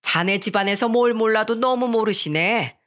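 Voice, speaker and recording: A woman's voice: on the high side, normal speed, a bit bright, natural voice. A woman voicing a brazen, condescending middle-aged future mother-in-law in a narrated radio story.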